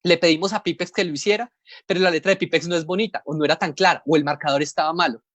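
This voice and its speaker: A man's voice: a little high, fairly even intonation, rapid-fire, a bit bright, no room sound. A Colombian man, a comics editor, talking casually over a video call, rambling and explaining things step by step. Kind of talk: casual panel talk.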